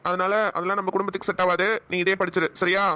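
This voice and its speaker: A man acting a caring, protective young man in a short family drama, giving firm advice and speaking gently to loved ones. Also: high voice, completely flat delivery, fast talker. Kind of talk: Tamil short-film dialogue acting.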